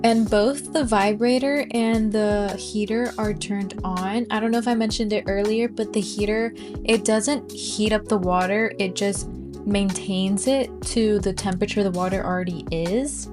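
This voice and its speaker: A woman's voice: medium pitch, steady tone, a little slow. A woman of about twenty, talking informally and chattily to viewers in a casual tutorial vlog style. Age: 19, about to turn twenty. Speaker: nail tech video host. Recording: music behind the voice. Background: background music.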